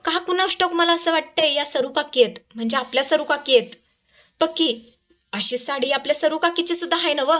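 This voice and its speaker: A woman's voice: high-pitched, brisk, a bit bright, pitched above the performer's own voice. A woman voicing a curious young village woman who wonders aloud to her friend. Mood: wondering.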